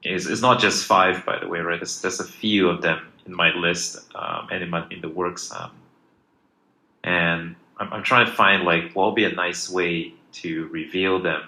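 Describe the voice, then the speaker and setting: A man's voice: deep voice, fairly even intonation, moderate pace, pushed and bright. A man from Malaysia, a project founder, answering questions in a casual live Q&A with many fillers and restarts. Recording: echoey room with faint noise.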